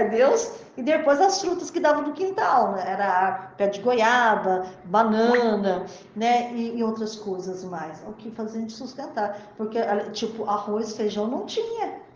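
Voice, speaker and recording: A woman gives an emotional sermon with personal testimony, calling out to the brothers and sisters again and again. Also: fairly high pitch. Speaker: preacher. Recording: echoey, muffled, slightly noisy recording.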